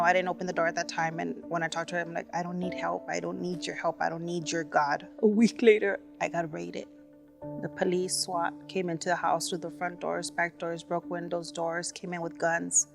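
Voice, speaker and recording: Woman sharing her testimony, earnest, lots of "you know", a little gravelly. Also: mid-range voice. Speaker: testimony speaker. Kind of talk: personal faith testimony.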